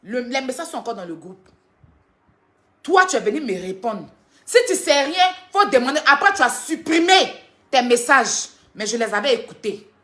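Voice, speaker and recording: A woman rants on a livestream, defending herself against critics. Her voice is high and bright, and her pitch swings widely as she retells the quarrel. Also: big pitch swings, moderate pace. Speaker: social media personality. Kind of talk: livestream rant addressing critics.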